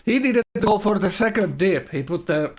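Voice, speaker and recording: Male esports stream host, voice a bit high, casual and halting, slightly awkward articulation from a numbed jaw. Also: expressive, a little mellow. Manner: loose, rambling, halting delivery. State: numb mouth after dental anesthesia, slightly awkward, slurred speech. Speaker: live stream host and game tournament commentator.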